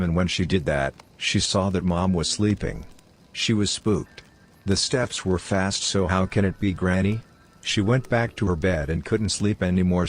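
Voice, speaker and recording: A man giving a steady first-person narration of online horror stories. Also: low-pitched, slight background noise.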